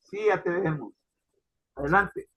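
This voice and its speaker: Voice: mid-range voice, a little slow, fairly bright tone, lo-fi sound. A teacher moderating an online class discussion over a video call, repeating words and urging people to go ahead. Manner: repetitive, encouraging, many fillers.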